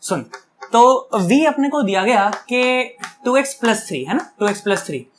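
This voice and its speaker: A man's voice: very high voice, expressive, normal speed, a little hiss or hum. A male physics teacher giving an online video lecture, chatty and coaxing, often checking that students follow, earnest and affectionate toward them.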